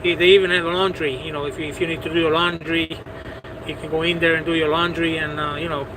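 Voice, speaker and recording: Fast and level-toned, this Bosnian trucker chats casually with his livestream, answering viewers while rambling, repeating words and saying "you know" a lot. He's in his parked truck, his voice slightly high for a man, and the cab hums with air conditioning and traffic going by.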